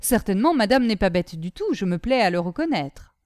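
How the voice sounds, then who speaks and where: A woman's voice: medium pitch, big pitch swings, fairly quick, darkish tone, no room sound, clean studio sound, voice pushed down, close to an everyday voice. A woman voicing Gribouille, a simple-minded, earnest young male servant who talks in a naive, rambling way.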